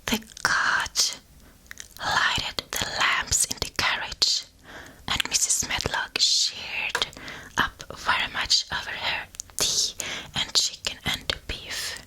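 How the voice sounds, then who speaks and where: A woman whispering a storybook aloud for ASMR, slow and deliberate, very close to a binaural ear microphone. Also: pushed and bright, rough recording. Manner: whispering throughout, unvoiced. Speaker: ASMR reader.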